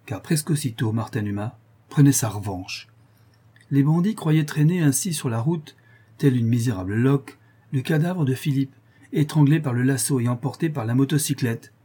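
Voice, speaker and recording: A man reading an adventure story aloud as a narrator, in a steady storytelling manner that lifts at the dramatic turns. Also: medium pitch, moderate pace, husky. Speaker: audiobook narrator. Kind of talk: scripted narration.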